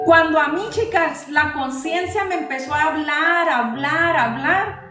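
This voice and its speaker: Slow-talking high-voiced woman sharing testimony. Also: sharp tone. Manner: slow and emotional, repeats phrases. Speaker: host of a live talk. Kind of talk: personal testimony to a live audience. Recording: roomy sound with faint music.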